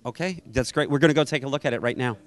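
A middle-aged man rattles along rapid-fire in a mid-range voice as he presents and asks questions for an on-camera interview. He's at an indoor trade show booth, speaking into a handheld interview mic.

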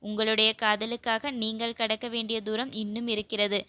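A woman reading a storybook, voicing personified Love speaking quietly and knowingly. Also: fairly high pitch, level tone, moderate pace, clean tone, no echo. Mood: teasing. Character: personified Love, teasing and mysterious.

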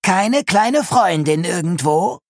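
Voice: mid-range voice, expressive, takes it slowly, gravelly, no echo, studio quality, pitched above the performer's own voice, full character voice. Narrator voicing a snide old neighbor lady. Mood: mocking. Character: snide nosy old woman neighbor, pipe-smoking. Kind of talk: audiobook reading.

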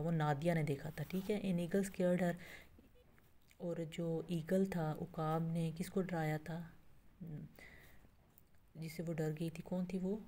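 A woman's voice: on the low side, dark tone. A woman teaching English, going through a workbook and explaining each English line in Hindi. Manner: explains in Hindi between slowly read English lines. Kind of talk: classroom lesson explaining a workbook.

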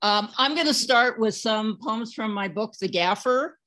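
A woman's voice: fairly high pitch, fairly bright tone. A woman from California reading her poems over a video call, chatting between poems with many fillers. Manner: unhurried, with filler-laden asides between poems. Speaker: featured poet.

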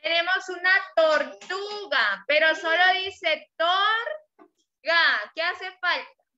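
High-voiced slow kindergarten teacher. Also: female voice. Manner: slow, deliberate, sounds out syllables, frequent praise. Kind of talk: remote phonics lesson for small children. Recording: dull lo-fi audio with steady noise.

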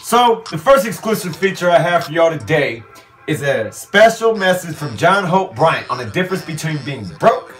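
A man's voice: on the high side, sing-song, normal speed, distant mic, soft background music. A man hosting his own show, talking bluntly and casually in a ranting way. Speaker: host.

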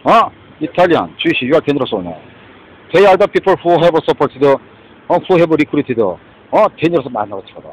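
A man rambles on in a loose, muttering monologue, drifting off and prodding with a questioning "eh?". His voice sits slightly high and leaps around animatedly. Faint street traffic hums in the background. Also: big pitch swings, slow pace, rough recording. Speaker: street vlogger.

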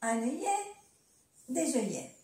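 An older woman teaching a casual video lesson at home, patient, repeating words slowly and adding little tag questions. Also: sits high, sing-song, dark tone, echoey room. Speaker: language teacher. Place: indoor room at home.

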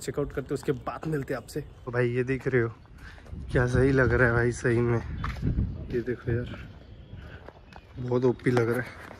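A man's voice: mid-range voice, background noise. A teenage man vlogging casually to camera on a phone, chatty, calling his viewers guys and bhai. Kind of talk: casual vlog chat to camera.

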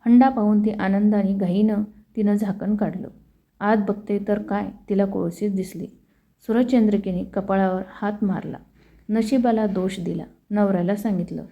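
A woman tells a devotional story at an even pace. Her voice is dark and mellow, never bright. She carries the narration steadily from scene to scene. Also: mid-range voice, moderate pace, dull audio.

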